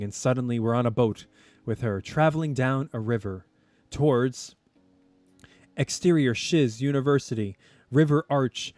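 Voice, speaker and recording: A man reading a screenplay aloud, adding animated, chatty asides and commentary. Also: medium pitch, no echo.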